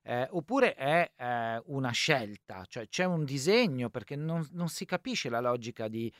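A man's voice: medium pitch, lively intonation, a little slow, dry recording, studio quality. A man interviewing an official, asking probing questions in a pressing way with hesitation fillers.

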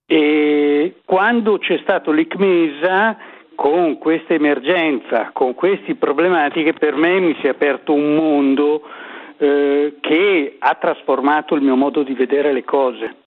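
An older man speaks over the phone to a radio call-in show, his voice squeezed thin by a tinny line. He talks earnestly and reflectively, pausing to find his words as he recounts something that shaped him. His voice sits a little higher than most men's. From northern Italy. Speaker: radio caller. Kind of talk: personal testimony on a call-in show.

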